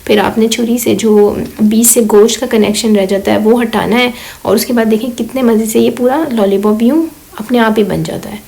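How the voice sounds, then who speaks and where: A woman in her thirties from Pakistan, talking slowly through a casual vlog voice-over while hoarse and weak from illness, with many fillers. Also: a little high, warm tone, low-quality recording. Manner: slow, rambling, many fillers. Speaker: vlogger.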